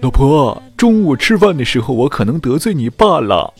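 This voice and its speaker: A man's voice: mid-range voice, sing-song, normal speed, faint music behind, pitched above the performer's own voice. A man playing a husband confessing a blunder to his wife in a joke. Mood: sheepish.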